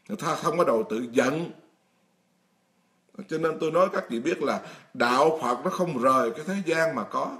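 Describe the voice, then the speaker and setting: A man's voice: fairly high pitch, fairly bright tone. A middle-aged man, a monk giving a blunt, emphatic sermon straight to his congregation. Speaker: Buddhist monk preaching. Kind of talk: dharma talk sermon.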